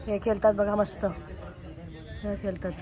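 A woman's voice: mid-range voice, little pitch movement, measured pace, a loud crowd. A woman vlogging outdoors with a handheld camera in a park playground, chatting to viewers and coaxing a small child. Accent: Marathi. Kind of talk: casual vlog narration to viewers.

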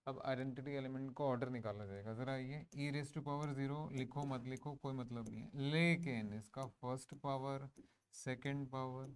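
A man's voice: medium pitch, a little hiss or hum. Man teaching maths in Hindi and English. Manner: mixes Hindi and English, asks the class to confirm. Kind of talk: classroom lecture. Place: classroom.

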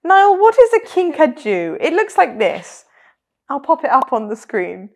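A young woman in relaxed podcast banter, chatty and giggly, often restarting her sentences. Her fairly high voice carries a gravelly fry. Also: a little slow. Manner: chatty, giggly, self-interrupting. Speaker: podcast co-host. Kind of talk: casual chat.

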